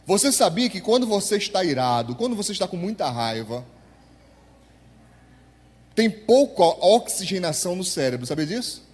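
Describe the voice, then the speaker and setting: High-voiced pastor preaching in a reverberant hall. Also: male voice, big pitch swings, moderate pace, long pauses, a little mellow, husky. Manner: emphatic preaching, drawing out key words, calling on the congregation to answer. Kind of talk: sermon. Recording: long church hall reverb.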